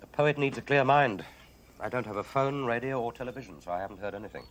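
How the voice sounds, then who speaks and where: An actor playing a wary, courteous reclusive poet, measured and guarded, in a film. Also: male voice, mid-range voice, a bit bright, a little hiss or hum, natural voice. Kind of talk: film acting.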